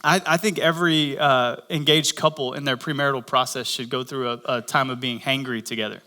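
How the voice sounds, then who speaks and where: A man's voice: medium pitch, fairly even intonation, brisk, sharp tone. A man preaching a humorous Easter sermon in church, telling a story and acting out the voices in it. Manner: joking storyteller, acts out quoted voices. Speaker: pastor.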